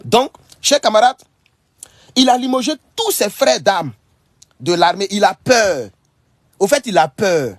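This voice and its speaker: A man giving casual, animated commentary to his followers. He repeats himself often and laughs as he talks. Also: high voice, a little slow, long pauses, dry recording, studio quality. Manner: animated, repetitive, laughs often while talking. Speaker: online political commentator.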